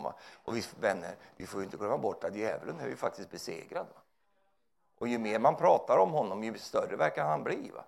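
A male preacher giving a lively, joking sermon, often ending his lines with a quick tag question. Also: mid-range voice, creaky. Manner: animated, joking, tags lines with "va?".

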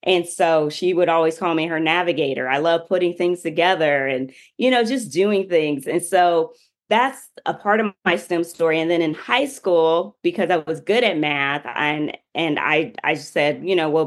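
Woman guest, lowish voice, chatty storyteller, casual interview. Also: moderate pace. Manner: chatty, many fillers like "you know".

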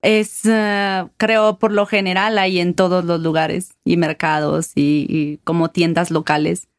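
A woman's voice: fairly low pitch, level tone, unhurried, no echo, studio quality. A woman from Guatemala with a Guatemalan Spanish accent, a guest in a casual conversation who patiently explains local words with examples.

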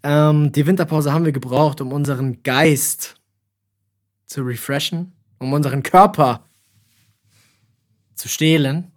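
A man's voice: a little high, fairly even intonation, measured pace, long pauses. A young man hosting a casual podcast, joking and telling stories with playful exaggeration. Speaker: podcast host.

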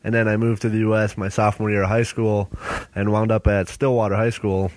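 A young man from southern France speaks in a low, level voice, recorded dry and close. He tells his story as a college kicker in a relaxed, easy way. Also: fairly quick, dry recording, rough recording.

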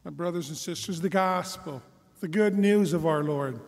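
A man's voice: on the high side, normal speed, a little mellow. A man reading the gospel and giving a casual homily with light humor, his voice ringing with cathedral echo in a large church. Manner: conversational, self-deprecating humor with fillers. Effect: cathedral echo, long church reverb. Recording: long reverb in a large church.

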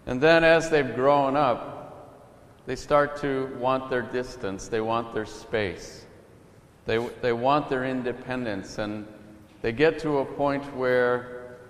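Pausado sacerdote en una iglesia con eco. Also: male voice, mid-range voice. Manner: calm, storytelling preacher. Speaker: priest. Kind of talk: gospel reading and sermon. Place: church. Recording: echoey church from a distance.

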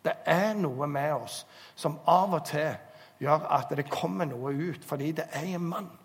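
A man preaching a sermon, telling stories and urging listeners earnestly, recorded in a church hall. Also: on the high side. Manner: storytelling, earnest exhortation. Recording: long hall reverb.

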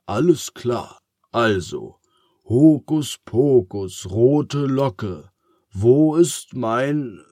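A bumbling, forgetful wizard, as a man puts him on, in a somewhat raised, lively voice. He drags out his spell chants and sounds muddled, recorded close and dry. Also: lowish voice, slow pace, husky, no room sound, full character voice. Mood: chanting. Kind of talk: storybook reading.

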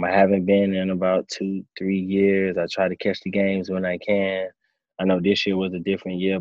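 Man, 30s, very low voice, relaxed storyteller, dry dull-sounding recording. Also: dry recording. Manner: relaxed storytelling, acts out his own past thoughts. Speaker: former quarterback turned coach. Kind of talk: casual interview answers.

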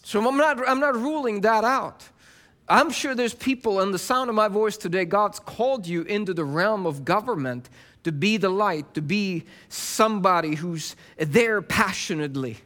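A man's voice: sits high, normal speed, pushed and bright. A male pastor preaching a sermon with fervent, emphatic delivery.

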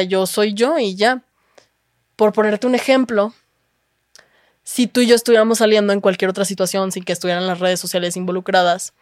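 A woman's voice: mid-range voice, dry recording, clean studio sound. A young woman with a Mexican accent, a guest telling her story in casual chat, candid and full of slang and swearing.

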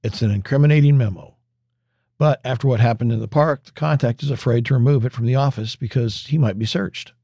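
A man's voice: mid-range voice, fairly quick, gravelly, dark tone, dry recording, studio quality. A man hosting a podcast, recapping a TV episode in a wry, conversational way with asides. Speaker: podcast host.

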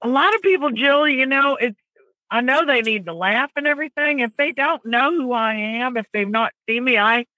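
Bubbly Southern woman, high and bright. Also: normal speed, no echo, poor audio. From American South. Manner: chatty, animated, laughs easily. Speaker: comedian guest. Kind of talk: casual interview chat.

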